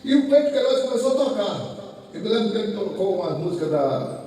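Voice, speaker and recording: A man preaching a sermon, telling a story that builds to shouted emotional peaks. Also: high voice, sing-song, brisk. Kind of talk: sermon testimony. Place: large echoey church hall. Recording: echoey church hall from far off, faint music.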